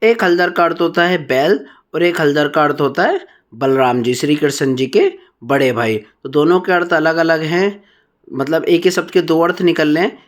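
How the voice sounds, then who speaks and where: Male teacher, slightly high voice, patient step-by-step explainer who slows down to read verses. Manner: explains step by step, reads verse examples slowly. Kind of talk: Hindi grammar lesson.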